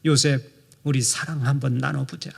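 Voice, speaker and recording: A man voicing a lustful noblewoman who coaxes a servant with low insistence. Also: fairly even intonation, moderate pace, gravelly, slightly rough. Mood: coaxing.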